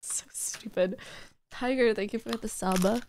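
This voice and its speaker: A woman's voice: a little high, a little slow, darkish tone, slight background noise. A woman streaming a game, chatting casually with a friend in a playful, teasing way and laughing often. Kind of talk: casual chat on a gaming stream.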